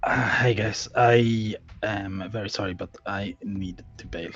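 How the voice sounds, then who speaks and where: A man's voice: lowish voice, steady tone, a little slow, slightly rough. A man chatting casually in a hesitant, apologetic way as a player in an online game. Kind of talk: casual chat. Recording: dull lo-fi voice chat, faint music.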